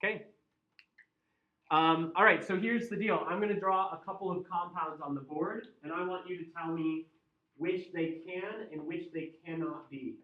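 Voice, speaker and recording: Man, midwestern accent, chemistry teacher, joking and conversational, somewhat high voice, dull lo-fi classroom sound. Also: moderate pace, reverberant, recorded from a distance. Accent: Midwestern American. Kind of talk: classroom lecture.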